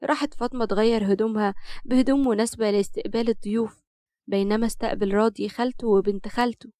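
Woman narrator, upper egyptian accent, fairly high voice, brisk. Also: steady tone, warm tone, no echo, studio quality. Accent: Upper Egyptian Arabic. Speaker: story narrator. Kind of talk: audio story narration.

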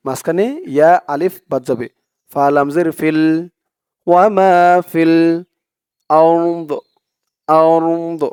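A man with a clear, smooth voice that sits a little higher than usual teaches Quran reading, breaking words into letters and pronouncing each one carefully. The recording is close and dry, with no room sound. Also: darkish tone, no room sound. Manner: slow drawn-out chanting when reciting, brisk plain explaining between. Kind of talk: recitation lesson, spelling out letter by letter.

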